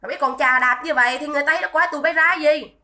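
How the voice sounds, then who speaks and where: A woman's voice: high-pitched, racing, pushed and bright. A woman, ranting on a livestream in a scolding, indignant, repetitive way and greeting viewers between tirades. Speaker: livestream commentator. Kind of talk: livestream rant.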